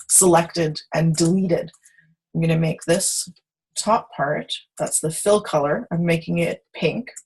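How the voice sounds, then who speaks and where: A woman teaching design software on a video call, chatty and self-correcting as she demonstrates. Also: on the low side, vocal fry, husky, rough recording. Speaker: software instructor. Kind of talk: screen-share tutorial.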